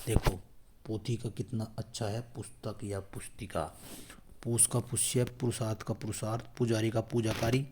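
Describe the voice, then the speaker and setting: A man teaching a grammar lesson for exam preparation, rapidly reading out word pairs and calling the viewers his friends, with quick self-corrections. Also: fairly low pitch, level tone, background noise.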